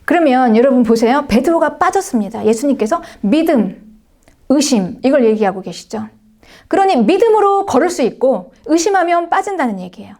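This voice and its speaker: A woman pastor preaching with a fairly high voice. She tells the scripture like a lively story, acts out the characters' lines, and drops now and then to a near-whisper. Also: normal speed. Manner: frequent affirming asides and soft drops to near-whisper. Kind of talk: sermon.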